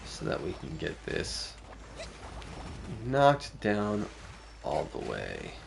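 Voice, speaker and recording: A man's voice: low voice, wildly swooping pitch, slow, vocal fry, noisy background. A man streaming a video game, thinking aloud through his choices in casual commentary.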